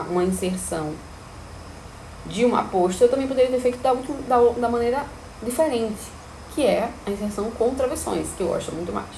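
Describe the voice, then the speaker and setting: A woman's voice: mid-range voice, gravelly, darkish tone, a little hiss or hum. A woman teaching a grammar lesson, explaining step by step and checking in with her students often. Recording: echoey room, faint ambience.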